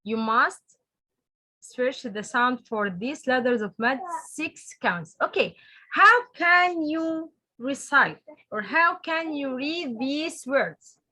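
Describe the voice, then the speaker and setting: Woman, recitation teacher, repeats terms, high bright voice, online lesson. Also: animated. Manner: repeats each term slowly, mixing English and Arabic.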